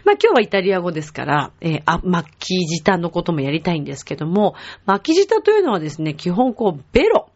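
Lively-voiced woman teaching singing. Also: fairly low pitch, brisk, hardly any pauses. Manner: patient, demonstrating sounds and singing examples. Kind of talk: vocal lesson. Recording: dull lo-fi web show audio.

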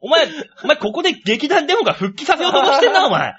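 Male radio co-host, quick-talking, teasing, reads listener mail. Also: very high voice, big pitch swings, a bit bright. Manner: teasing, quick retorts, laughs often. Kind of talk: comedic radio banter, reading listener mail. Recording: dull lo-fi sound.

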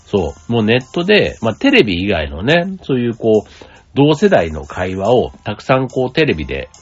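A man's voice: on the low side, huge pitch swings, moderate pace, breathy edge. A man from Kansai hosting a casual solo talk show, rambling with many fillers and asides. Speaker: podcast host. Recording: slightly dull lo-fi audio with faint music.

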